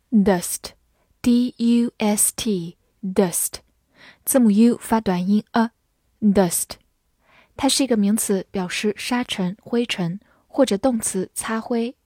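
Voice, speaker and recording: A young woman teaching English vocabulary in a recorded lesson, spelling words out letter by letter and reading example sentences slowly and deliberately. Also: fairly high pitch, a little mellow, dry recording, studio quality.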